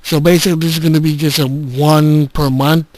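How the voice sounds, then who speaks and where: A man giving a casual gaming channel update, recorded on a handheld game console's voice recorder like a dictaphone, halting and restarting often. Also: fairly high pitch, level tone, darkish tone, dry recording. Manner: halting, with frequent restarts and filler words. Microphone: handheld game console's built-in recorder.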